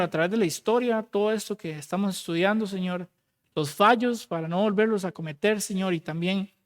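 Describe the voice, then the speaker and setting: A man with a fairly high voice leads a closing prayer in a church hall. He prays fervently, ending phrase after phrase with "Lord" and letting it fall away softly. The sound carries a long hall reverb. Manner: fervent praying, repeating "Lord" at each phrase end and trailing off softly. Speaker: preacher.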